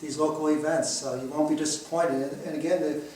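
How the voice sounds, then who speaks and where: A man speaking haltingly in casual interview chat, endorsing local wrestling shows with many hesitations. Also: a little high, flat delivery, darkish tone, slight background noise. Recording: very echoey room, distant mic.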